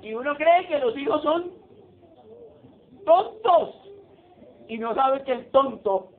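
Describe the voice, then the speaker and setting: A man's voice: very high-pitched, animated, slow pace. A man preaching a sermon in a conversational way, often putting questions to his listeners. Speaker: pastor. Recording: tinny phone-like recording with faint noise.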